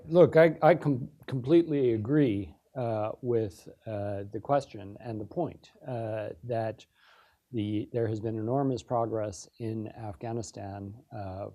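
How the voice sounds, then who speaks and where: A man speaking as a panelist, measured and hesitant with frequent fillers. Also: lowish voice, mellow. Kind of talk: panel discussion answer.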